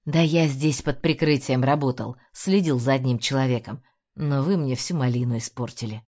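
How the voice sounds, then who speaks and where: A woman voicing a weary middle-aged male ex-detective who grumbles through his teeth in a lowered voice. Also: normal speed, warm tone. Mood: gruff, weary. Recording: dull lo-fi audio.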